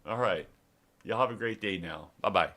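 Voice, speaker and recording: Man, deep low voice, middle-aged, rambling casual live stream talk. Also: moderate pace, pushed and bright. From Texas. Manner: rambling, many restarts and fillers. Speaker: app developer and business owner.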